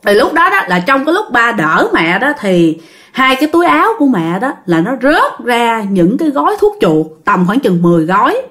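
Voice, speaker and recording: A woman's voice: on the high side, sing-song, normal speed, fairly bright tone. Chatty woman storyteller. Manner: chatty, repetitive, addresses listeners directly. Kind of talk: casual ghost-story narration.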